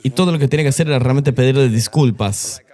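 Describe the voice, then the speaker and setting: A man's voice: mid-range voice, fast, warm tone. A middle-aged man, a pastor, telling his personal testimony in an earnest, confessional way during an interview.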